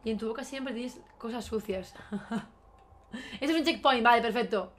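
A young woman with a Spain Spanish accent giving live gameplay commentary, excitable and exclamatory, swearing often. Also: on the high side, a little slow. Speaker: game streamer. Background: faint game music.

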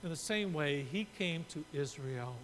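Gesturing from the pulpit as he lays out his points, a pastor from Canada in his sixties delivers a sermon in a church sanctuary. His voice is expressive, unhurried and a bit bright, and the pulpit mic catches the room's reverberation along with a faint rumble.

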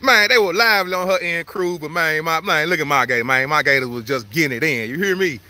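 A man vlogging live at an outdoor zoo, joking loudly in slangy banter. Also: fairly high pitch, fast. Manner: loud, joking, slangy banter with frequent laughs. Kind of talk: casual live vlog.

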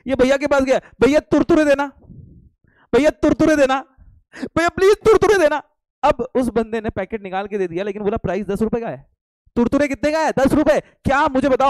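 This live online commerce lecture with jokes is delivered fairly quickly by a young man with an extremely high-pitched voice, recorded without echo. He playfully teases and quizzes his students, answers his own questions, and slips in English phrases.

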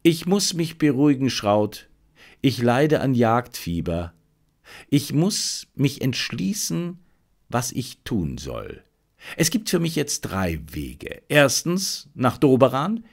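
A man's voice: mid-range voice, sing-song, slow, creaky, full character voice. A male audiobook narrator voicing an intense, fired-up male detective who lectures his assistant urgently.

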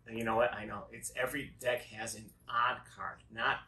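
A middle-aged co-host of a magic show runs through a card trick in chatty patter, peppered with wry digressions. His mid-range voice is flat and sharp-toned, a little fast. A phone camera placed back from the table in a small, dark indoor room picks him up from a distance.

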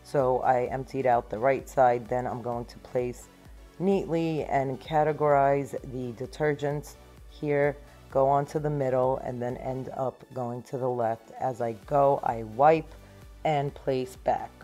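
Woman in her thirties, very deep voice, upbeat cleaning vlog narration, home recording, faint music behind. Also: fairly even intonation, a little slow, warm tone. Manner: upbeat, explains each step plainly. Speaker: cleaning vlogger. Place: small home, living room and pantry.

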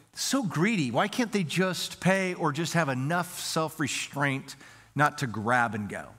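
A man's voice: fairly high pitch, bright, forceful tone. A man preaching a sermon as pastor, earnest and repetitive, asking the congregation rhetorical questions. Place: church sanctuary.

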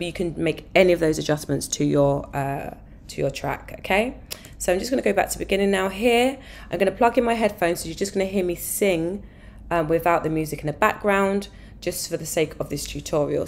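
A woman with a hoarse voice, walking through a music software tutorial step by step, with fillers and easy asides. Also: lowish voice. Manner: relaxed step-by-step explaining with fillers.

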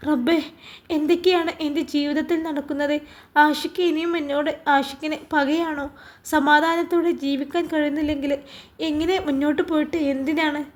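A lonely, hurt young woman who pleads through her tears, proud and bitter at once. Her voice sits high, as a woman storyteller acts her out. She sounds like a storybook reading. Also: little pitch movement, normal speed, lightly acted. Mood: despairing.

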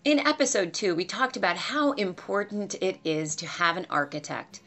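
A woman in her forties, a realtor, presenting a home renovation series to camera in a clear, upbeat scripted style from a house under construction. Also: on the low side, moderate pace, fairly bright tone, soft background music.

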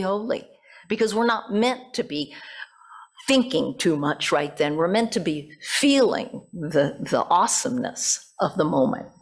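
A middle-aged American woman with a fairly low, husky voice preaches a reflective sermon from a church pulpit. Speaking through a gooseneck pulpit microphone, the pastor delivers it phrase by phrase and puts questions to the congregation.

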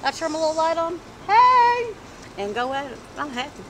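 A middle-aged woman chatting candidly in a street interview, animated and talkative, in an outdoor parking lot. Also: high voice, moderate pace, over a noisy crowd, rough recording. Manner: animated, chatty, acts out quoted voices. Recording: street noise in the background.

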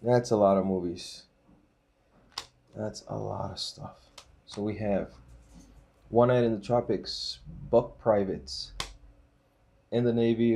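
A man in his thirties hosting a casual unboxing vlog, reading titles off with small relaxed asides. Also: fairly low pitch, vocal fry, a little hiss or hum. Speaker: channel host unboxing a disc set.

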